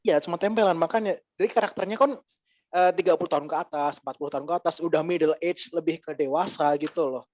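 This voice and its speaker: Animated man ranting in casual chat. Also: fairly high pitch, no echo, highs cut off. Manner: animated, ranting with quick asides. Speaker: podcast guest.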